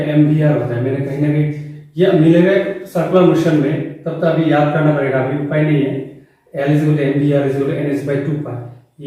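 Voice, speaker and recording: A man's voice: fairly high pitch, darkish tone. A man teaching a chemistry class, explaining step by step and quizzing students with questions as he goes. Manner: mixes in English terms and formulas. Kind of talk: classroom lecture. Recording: very echoey room, voice from a distance.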